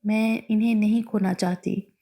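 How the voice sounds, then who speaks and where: A distraught young bride-to-be, quick to snap and desperate as she pleads, in a storybook, as a woman narrator reads her lines. Her voice is mellow with a gravelly edge. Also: mid-range voice, fairly even intonation, lightly acted. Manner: pleading and snappish.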